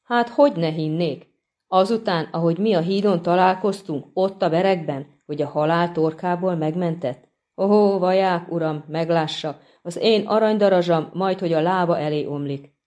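A talkative country peasant, folksy and eager, speaking to his master with homely warmth, as a woman reads him in an audiobook. The voice sits a little low for a woman, with a dark, mellow tone. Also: lightly acted. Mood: earnest. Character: chatty grateful middle-aged peasant man. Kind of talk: audiobook reading.

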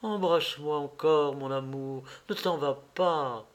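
A man voicing a heartbroken young actress who pleads with her lover in a soft, tearful voice, in a read-aloud novel. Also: a little high, measured pace, lightly acted. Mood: tearful pleading.

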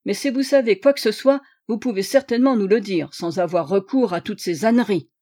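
A woman's voice: lowish voice, animated, normal speed, warm tone. A woman voicing an impatient, skeptical male police inspector in an audiobook, speaking curtly. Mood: irritated. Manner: curt, irritated. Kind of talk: audiobook character reading.

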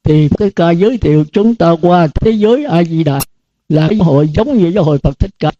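A man's voice: a little high, a little fast, warm tone, dry recording. An older man, a Buddhist monk, giving a dharma talk to students in an earnest, repetitive cadence full of rhetorical questions. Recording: dull lo-fi dry recording.

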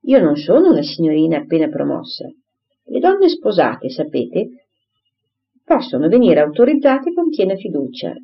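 A woman's voice: fairly low pitch, huge pitch swings, normal speed, slightly rough, heavily acted. A woman reading an audiobook, voicing a pompous, bossy married lady who gushes and insists, in a dull lo-fi recording. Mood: eager, pushy. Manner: gushing, insistent, talks over others.

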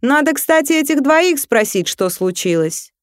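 A fussy talking raven with a high, chirpy voice that jumps up and down in pitch, as a woman reading a storybook puts him on. He sounds eager to please and a little bossy, and the sound is dry and close. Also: very animated, measured pace, dry recording. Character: fussy male talking raven, a dragon's sidekick.

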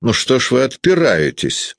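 A man's voice: mid-range voice, wildly swooping pitch, slow pace, no room sound, studio quality, pitched above the performer's own voice, full character voice. A man voicing a sullen, spiteful middle-aged male schoolteacher who needles and pries. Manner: needling, malicious, prying.

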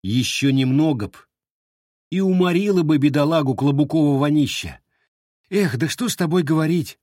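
A man's voice: fairly high pitch, animated, moderate pace, darkish tone, no room sound, studio quality, voice pushed up, lightly acted. A man voicing a stern, weary young monster hunter who scolds and explains firmly.

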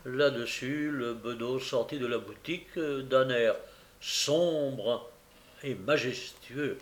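A man narrating a classic novel, measured with an occasional hesitation. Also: mid-range voice. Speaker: audiobook narrator.

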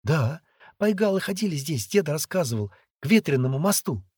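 A man reading aloud and voicing a spirited, bossy little girl who chatters in hushed, urgent tones. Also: on the high side, sing-song, moderate pace, slightly rough, no room sound, studio quality, pitched above the performer's own voice. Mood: tearful.

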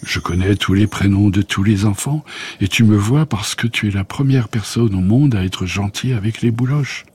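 A man voicing a kind and cheerful Santa Claus, a woman, in a raised, bright voice. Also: fairly low pitch, moderate pace, husky, pitched above the performer's own voice. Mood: kindly.

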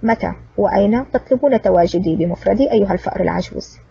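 A woman's voice: mid-range voice, fast, vocal fry, mellow, a little hiss or hum, natural voice. A woman voicing a cool, sarcastic man, the hero of an audiobook adventure, speaking with cold mockery. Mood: cool sarcasm. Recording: distant, dull lo-fi recording.

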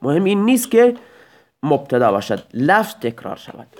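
Man with a lively, patient teaching voice. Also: a little high. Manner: patient, step-by-step explanation with rhetorical questions. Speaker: Arabic grammar teacher. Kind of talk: audio lesson explaining grammar.

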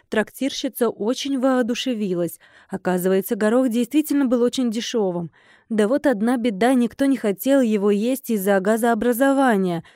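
A woman's voice: mid-range voice, warm tone, no room sound. Dry-voiced woman narrating an audiobook. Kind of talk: first-person audiobook narration.

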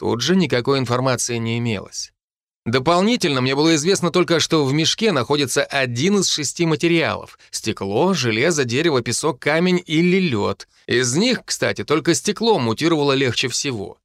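A man reading a first-person novel aloud as an audiobook narrator, in an even, measured storytelling manner. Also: medium pitch, no room sound, studio quality.

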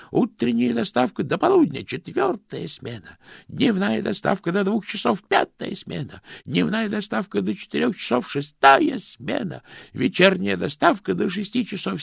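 A man's voice: high-pitched, vocal fry, slightly rough, dry recording, studio quality, voice pushed up, full character voice. A man doing a weary, evasive old postman. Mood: reciting. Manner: hesitant, patient, fussy.

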